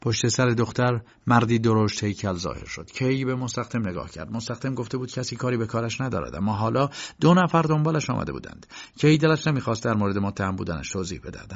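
A man narrates an audiobook in a gravelly, mid-pitched voice. His delivery is measured and steady. The recording sounds dull and lo-fi. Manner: measured storytelling.

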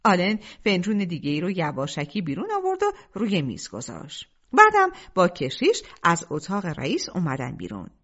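Narrating an audiobook, a woman uses a lively storytelling voice whose pitch swings across a very wide range, with few pauses. The audio is dull and lo-fi, lacking crisp highs.

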